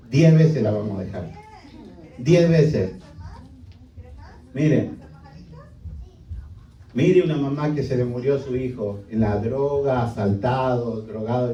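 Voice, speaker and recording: A man's voice: medium pitch, warm tone, lo-fi sound. Man, pastor, emphatic sermon, rhetorical questions, roomy echo, mic far off. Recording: echoey hall, distant mic.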